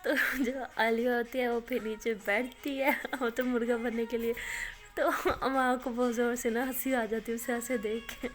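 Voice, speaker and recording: A woman's voice: fairly high pitch, little pitch movement, soft background music. A woman telling a love story in a casual, chatty way, full of filler words.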